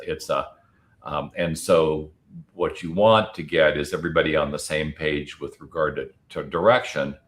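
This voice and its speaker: A man with a low-pitched voice speaks as a panelist. He reasons aloud in a measured, analytical manner, often restarting his phrases. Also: a bit bright. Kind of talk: extemporaneous panel commentary.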